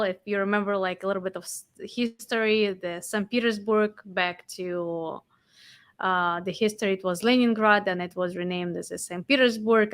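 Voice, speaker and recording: A woman in her forties from Russia with a Russian accent, a podcast host being interviewed, telling her story in an animated way with fillers and restarts. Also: medium pitch. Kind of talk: casual interview.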